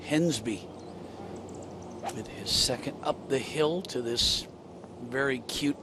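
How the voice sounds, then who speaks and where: A man delivering measured, informative commentary on a golf broadcast. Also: medium pitch. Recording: outdoor broadcast with loud background noise. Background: loud outdoor ambience.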